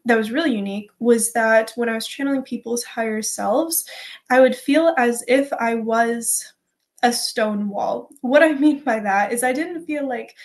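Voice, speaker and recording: A woman with a slightly high voice talks as a guest in a spiritual interview. She sounds earnest and stretches words for emphasis as she describes things in an unscripted way.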